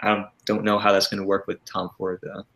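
A man co-hosting a livestream in casual chat, relaxed and talkative, laughing often and using lots of filler words. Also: on the low side, quick pace, gravelly. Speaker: livestream co-host. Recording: roomy echo.

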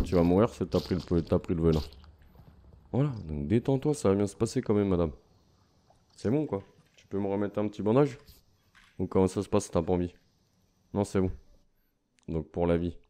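Deep-voiced gamer chatting. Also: male voice, a little fast, pauses often, warm tone. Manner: chatty, talks to viewers and taunts enemies. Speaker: gaming youtuber. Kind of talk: casual let's-play commentary.

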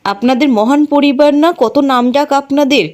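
A bitter middle-aged mother hurls scornful accusations, read by a woman in her own high voice. The scolding comes out plainly, with little put-on character. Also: moderate pace, darkish tone, natural voice.

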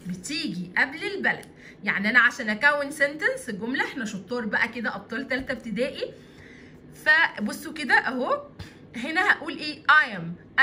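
A woman with an Egyptian Arabic accent teaching an English lesson to young pupils, spelling words out slowly and repeating them. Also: high voice, bright, forceful tone, a little hiss or hum. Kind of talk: online English lesson for children. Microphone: voice-over on an interactive whiteboard video.

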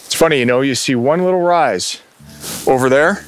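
Out on a river, a man hosts a fishing show, exclaiming, laughing, and offering casting tips as he fishes, sometimes out of breath. His voice is medium-pitched at a moderate pace, with faint music in the background, and his commentary is excited.

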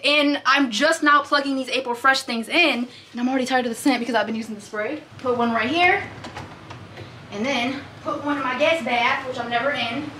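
A young lifestyle vlogger chats animatedly and laughs often while filming a home vlog in her apartment, with the camera set at a distance. Her voice is on the high side with a sharp tone. The room echoes, she's away from the mic, and there's slight background noise.

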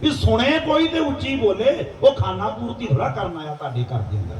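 High-pitched man preaching. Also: fairly quick, recorded from a distance, slight background noise. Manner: animated, preachy, plays quoted characters. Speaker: dhadi preacher. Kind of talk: religious storytelling sermon. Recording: echoey live stage, heard from afar, faint ambience.

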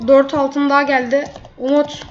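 A woman's voice: high voice, level tone, moderate pace, darkish tone, a little hiss or hum. A woman gamer giving chatty running commentary over her gameplay, blurting out frustration at opponents. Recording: dull lo-fi mic.

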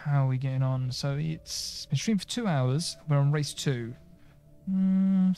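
A man's voice: a little high, measured pace, warm tone, clean tone, soft background music. A young man commentating live over a racing game, chatty and bantering with the game voices. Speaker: gaming streamer.

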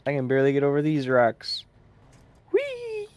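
A man's voice: a little high, wildly swooping pitch, moderate pace, darkish tone, no echo. A young man in casual, sweary, joking banter while playing a video game.

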